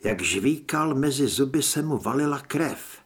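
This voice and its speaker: A man's voice: medium pitch, lively intonation, breathy edge. A man narrating an audiobook in a dramatic first-person reading. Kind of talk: scripted narration.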